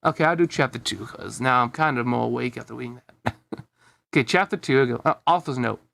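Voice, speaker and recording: A man's voice: mid-range voice, fast talker, gravelly, fairly bright tone. A man casually reading a fan story aloud, stumbling over words and adding wry asides. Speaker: fanfic reader.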